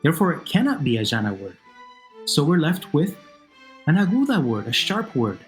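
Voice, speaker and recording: Lively-voiced male Spanish teacher. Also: on the high side, moderate pace, soft background music. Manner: asks questions and answers them patiently. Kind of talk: narrated video lesson.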